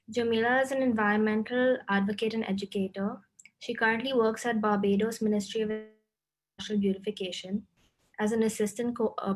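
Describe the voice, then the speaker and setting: A woman's voice: mid-range voice, poor audio. A young woman moderating an online event, politely reading a guest's introduction with small slips.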